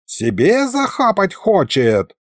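Man doing a shrill cranky old wizard. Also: sing-song, measured pace, darkish tone, no room sound. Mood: shrieking. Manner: shrieking, scolding, folksy. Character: cantankerous old male wizard spirit.

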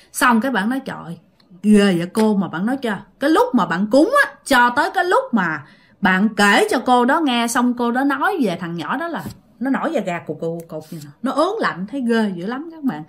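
A chatty woman with a Southern Vietnamese accent retells listener-sent ghost stories. Her voice sits a little high and moves with lively, animated pitch. She repeats phrases and speaks straight to her listeners. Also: a little fast. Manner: chatty, repetitive, addresses listeners directly. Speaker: storyteller host.

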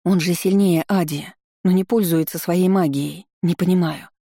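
A young heroine cries out in worry and alarm, as a storyteller puts her on. The tone is warm and mellow. The audiobook recording is close and dry. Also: on the low side, fairly even intonation, moderate pace, no echo. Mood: worried. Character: young heroine, worried and brave. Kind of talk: audiobook reading.

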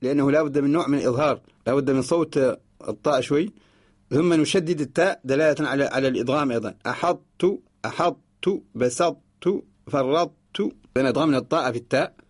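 A man from Mauritania giving a radio lesson, explaining slowly and repeating each example before chanting short verses. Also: medium pitch. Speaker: teacher of Quran orthography. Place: radio studio.

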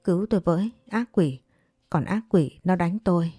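A woman's voice: on the low side, normal speed, dark tone, breathy edge, no room sound, studio quality, soft background music. A woman voicing a deranged first wife who pleads in a frightened, sobbing way. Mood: terrified.

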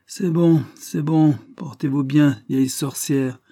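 A man voicing a stern, scornful gentleman who speaks curtly. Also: fairly high pitch, steady tone, slow, no room sound, studio quality, pitched above the performer's own voice. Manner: curt, scornful.

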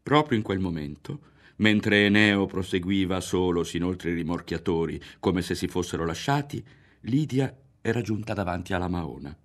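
A man reading a literary novel aloud in a measured, expressive way, often dropping to a hushed tone. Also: low-pitched. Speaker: audiobook reader. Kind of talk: literary audiobook narration. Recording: faint music underneath.

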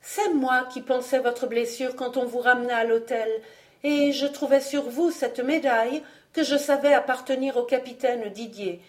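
A woman reading aloud, voicing a proud, indignant young noblewoman with an accusing, high-strung manner. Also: steady tone, moderate pace, natural voice.

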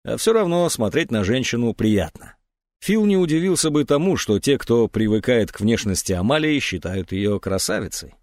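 Guy reading an audiobook, very lively voice, dry close sound. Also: mid-range voice, moderate pace, no room sound. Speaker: audiobook narrator. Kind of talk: scripted narration.

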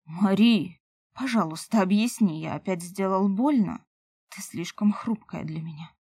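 Woman doing a young male elf, passionate, pleading, slow and soft, mellow tone, dry sound, storybook. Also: mid-range voice, no room sound.

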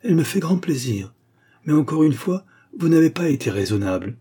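Guy putting on a young seamstress girl voice, higher and lively, kind of teasing. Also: brisk, breathy edge. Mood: cheerful, scolding. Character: cheerful young seamstress woman, modest, teasing.

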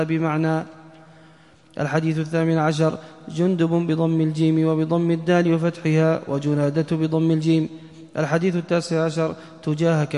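A man with a slightly high, mellow voice reads a text aloud to his teacher. His recitation is rapid, flat and half-chanted. The sound has the long echo of a mosque hall. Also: vocal fry. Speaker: student reading the text aloud.

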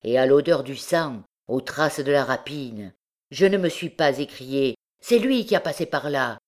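A woman's voice: very deep voice, lively intonation, measured pace. A woman reading aloud, voicing a desperate mother who pleads fervently, her voice raised above her usual tone. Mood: accusing. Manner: fervent, imploring. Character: desperate pleading peasant mother, middle-aged.

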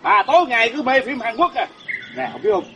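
A man's voice: extremely high pitch, animated, quick pace, background noise. A man in a live comedy sketch playing a grumpy husband who mocks and nags his wife. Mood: mocking. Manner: nagging, mocking, argumentative.

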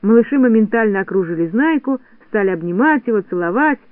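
A man with a high voice reads a children's story aloud in a lively, expressive manner. The recording is narrowband and tinny like a phone line, and completely dry. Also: fast talker, no echo. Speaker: audiobook narrator.

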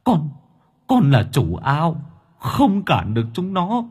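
A man's voice: fairly high pitch, huge pitch swings, slow, darkish tone, breathy edge, voice pushed up, heavily acted. A man voicing the ghost of an old man who stammers and whimpers as he begs for mercy. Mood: whimpering, begging. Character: wailing drowned old man's ghost.

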